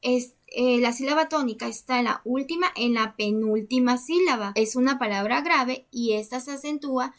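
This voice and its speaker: A woman's voice: fairly high pitch, moderate pace, few pauses. A woman explaining a grammar lesson as a teacher, methodically counting syllables step by step.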